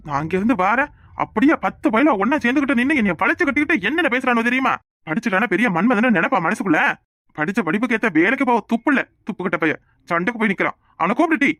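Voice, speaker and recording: Man doing a scolding cartoon village elder, Kanyakumari Tamil accent, rapid, bright and harsh. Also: very high voice, expressive, no echo, clean studio sound, heavily acted. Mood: berating. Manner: shouting, berating, sarcastic. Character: angry middle-aged village man, bossy, scolding. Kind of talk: cartoon voice acting.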